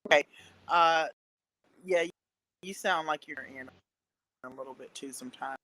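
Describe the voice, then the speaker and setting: A woman guest chatting casually in an interview over a video call with a bad connection, her voice cutting in and out and her loudness swinging as she restarts her sentences. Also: low-pitched, moderate pace, rough recording.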